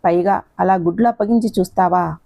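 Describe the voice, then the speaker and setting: A woman's voice: on the low side, a little fast, vocal fry, mellow, no echo. A woman reading the lines of a young man who scolds and then pleads, in a storybook reading. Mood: scolding. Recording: dull lo-fi recording.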